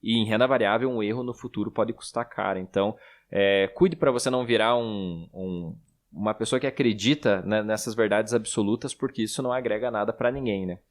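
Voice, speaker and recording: A man's voice: fairly low pitch, brisk. A man in his thirties with a Brazilian Portuguese accent, co-hosting an investing podcast in a reflective, self-critical way. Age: 30s. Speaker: podcast co-host. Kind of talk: casual investing podcast chat.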